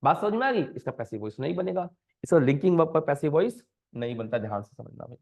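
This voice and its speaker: एक पुरुष शिक्षक ऑनलाइन व्याकरण कक्षा पढ़ा रहे हैं, बीच बीच में अंग्रेज़ी शब्द बोलते हुए और छात्रों से बार बार सवाल पूछते हुए।. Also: male voice, fairly high pitch, very animated, fast talker, creaky, a little mellow. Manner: coaxing students with repeated questions; mixes Hindi with English terms. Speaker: grammar teacher. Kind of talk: live online grammar lesson. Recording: dull lo-fi sound.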